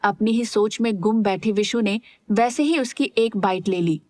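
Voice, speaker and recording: A woman narrating a serialized romance audio drama in a steady storytelling manner. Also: mid-range voice, normal speed, dry recording, studio quality. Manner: steady storytelling, voices all parts.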